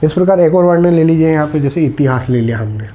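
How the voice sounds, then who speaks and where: A man's voice: fairly high pitch, animated, fast talker, mellow, lo-fi sound. A man teaching a Hindi spelling lesson for exam students, explaining step by step and answering his own questions.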